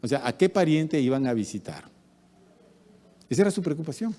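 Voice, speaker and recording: Peruvian male preacher, animated storytelling delivery, warm low tone, long church reverb. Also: fairly quick. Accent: Peruvian Spanish. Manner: animated preaching with acted-out anecdotes. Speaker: pastor. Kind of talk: sermon.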